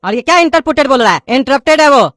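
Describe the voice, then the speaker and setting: A woman's voice: high voice, animated, quick pace, a bit bright, dry recording, clean studio sound. Woman playing an impatient scolding cartoon schoolteacher. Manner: scolding, corrects pronunciation. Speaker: teacher.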